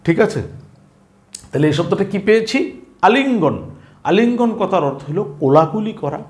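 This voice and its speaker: A man teaching a spelling lesson, spelling out letters slowly, then asking questions and answering them himself. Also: high voice, animated, darkish tone.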